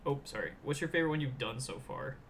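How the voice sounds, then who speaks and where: A young man co-hosting a podcast, chatting casually and retelling stories with quick laughs. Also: medium pitch, a loud crowd. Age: young adult. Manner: excitable storyteller, quick laughs. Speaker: podcast co-host. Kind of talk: casual chat.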